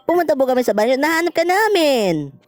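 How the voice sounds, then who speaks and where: A man's voice: very high voice, big pitch swings, quick pace, a loud crowd, voice pushed up. A man voicing an innocent, polite and eager young child in an amateur cartoon dub.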